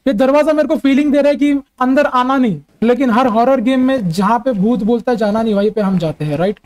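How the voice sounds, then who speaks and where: A man's voice: extremely high pitch, brisk, poor audio. A young man giving jokey, easily frightened commentary while playing a horror game. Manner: jumpy, jokey, often shouting in fright. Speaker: gaming streamer.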